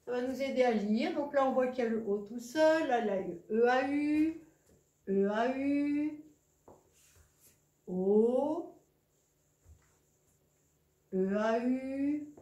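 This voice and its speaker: A woman's voice: high voice, slow, long pauses, warm tone, reverberant. A woman teaching a reading lesson to young children, patient and encouraging.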